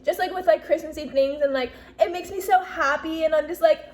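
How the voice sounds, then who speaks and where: This US Northeast YouTuber, in her twenties, has a high, slightly mellow voice with a steady tone and a brisk pace. She answers questions in a casual vlog, chatting in a bubbly, talkative way full of "like" and "literally."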